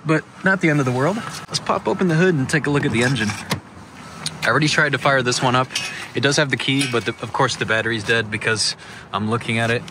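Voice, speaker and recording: Young male vlog host, enthusiastic, selfie phone mic, light background noise. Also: medium pitch. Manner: enthusiastic, chatty, thinking aloud. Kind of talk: casual walkaround vlog. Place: inside a parked car, then outdoors at an auction lot. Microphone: phone held at arm's length.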